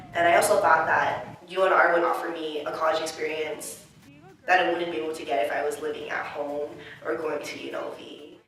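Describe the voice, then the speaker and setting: A young adult woman with a low, slightly bright voice, a college student whose native language is Chinese, answers interview questions reflectively and casually, peppering her speech with "like." The room echoes and the microphone sits far away.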